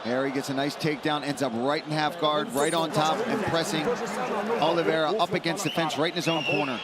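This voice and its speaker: A man's voice: a little high, fairly even intonation, a little fast. A man giving casual colour commentary on a live fight. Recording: very loud crowd and noise. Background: loud arena crowd.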